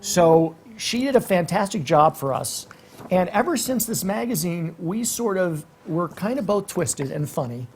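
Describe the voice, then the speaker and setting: A man's voice: high voice, big pitch swings, unhurried, a little hiss or hum. A man hosting a casual interview show, effusive and rambling as he introduces and questions his guest. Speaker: talk show host.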